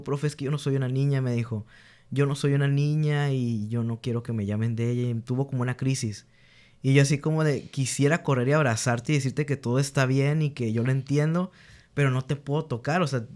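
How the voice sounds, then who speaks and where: This young man's mid-range voice is steady and darkish, and he talks fairly quickly. He's a teacher appearing as an interview guest, earnestly recounting candid stories about his students, acting out their exchanges and frequently restarting.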